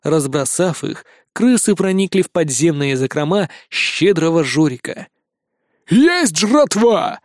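A man reading a children's fantasy story aloud in a lively, playful narration. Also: fairly high pitch, moderate pace, hardly any pauses, no room sound, clean studio sound. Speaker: audiobook reader.

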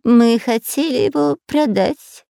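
A woman's voice: fairly high pitch, takes it slowly, vocal fry, mellow, no room sound, studio quality, pitched above the performer's own voice. A woman voicing a cowardly, nasal male spy in a storybook, whining and scared.

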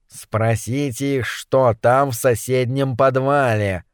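A man's voice: medium pitch, fairly even intonation, takes it slowly, clean tone, dry recording, studio quality, natural voice. Man doing a sly talking tomcat. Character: sly clever male talking cat.

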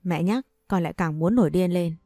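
A woman's voice: lowish voice, fairly quick, warm tone, no echo, studio quality. A woman reading the lines of a possessive young wife who clings to her husband, in an audio story. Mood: pleading, bitter.

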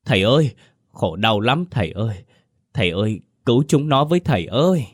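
A man's voice: medium pitch, sing-song, brisk, slightly rough. A man voicing the ghost of a grieving old woman who speaks through a possessed body, trembling and sobbing as she pleads. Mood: wailing.

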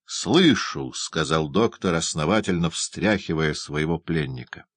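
Deep-voiced male audiobook narrator. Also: expressive, moderate pace, no echo. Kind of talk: scripted narration.

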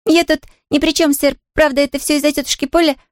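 A woman voicing an excitable, chatty young girl in an audiobook reading, talking in a breathless rush. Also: sits high, fast talker, dry recording, clean studio sound, pitched above the performer's own voice, natural voice. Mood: excited.

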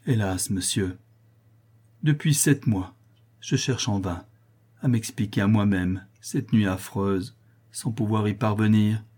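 A man's voice: on the low side, slow, a little mellow, breathy edge. A man voicing a frightened young woman who anxiously confides a painful secret in a storybook reading. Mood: pleading.

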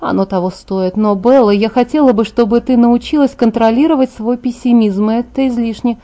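Woman putting on a lively teasing young girl, high and punchy, audiobook. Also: a little fast, natural voice. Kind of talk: audiobook character reading.

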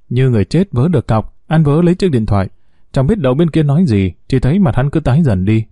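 Man narrating a dramatic story, dark tone. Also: mid-range voice, no room sound, studio quality.

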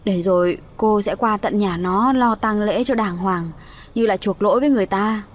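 A woman's voice: medium pitch, normal speed, natural voice. A woman voicing a protective village aunt who scolds her brother and comforts her niece. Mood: soothing. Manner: reproachful then soothing.

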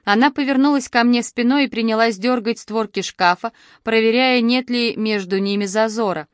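A woman's voice: on the high side, dry recording, clean studio sound. Woman reading a novel aloud. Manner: measured, expressive storytelling. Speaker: audiobook narrator. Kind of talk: first-person novel reading.

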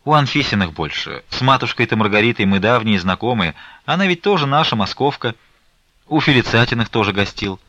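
A man's voice: mid-range voice, lively intonation, brisk, sharp tone, no echo. A man voicing a polite, obliging male church singer visiting a convent. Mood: courteous. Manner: courteous, obliging. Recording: dull lo-fi dry recording.

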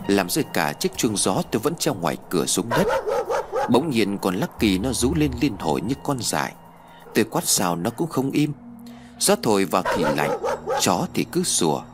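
Low-voiced guy reading a spooky story, lots of swing in his voice, quiet music under it. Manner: expressive, dramatic storytelling with lively pitch. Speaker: audiobook narrator. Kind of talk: first-person ghost story narration.

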